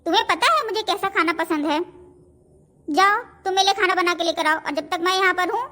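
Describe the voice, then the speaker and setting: A woman's voice: extremely high pitch, fairly quick, sharp tone. A woman voicing a stern, bossy old grandmother-in-law in a cartoon, commanding and scolding. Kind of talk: cartoon voice acting.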